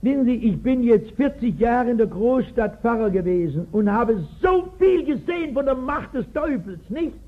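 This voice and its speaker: A man's voice: very high-pitched, lively intonation, normal speed, hardly any pauses. A man in his sixties, a pastor telling a Bible story in a sermon, emphatic and often asking his listeners questions, on a tinny 1960s recording. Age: 60s. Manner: storytelling, emphatic, asks the audience.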